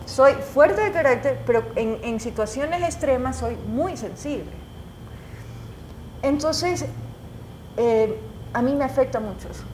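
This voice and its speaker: A woman journalist, telling her own stories as an interview guest in an animated, emotional way, full of restarts. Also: high voice, unhurried, long pauses, slight background noise. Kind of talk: casual conversational storytelling. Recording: echoey room.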